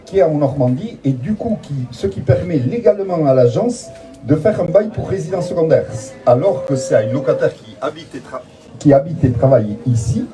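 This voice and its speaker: A man with a fairly high, mellow voice gives a tongue-in-cheek guided tour outside a museum, adopting a mock-solemn tone and hesitating often. The recording quality is low.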